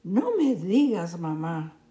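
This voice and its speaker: A woman's voice: medium pitch, slow pace, mellow, natural voice. A woman voicing a fussy, vain teenage girl who complains dramatically, in a storybook reading. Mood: upset.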